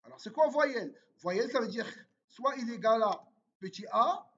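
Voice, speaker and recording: Lively teacher thinking aloud over code. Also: mid-range voice, moderate pace. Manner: thinks aloud, asking and answering own questions; informal, repeats words while typing. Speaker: programming teacher. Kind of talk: screen-recorded coding lesson. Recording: dull lo-fi recording.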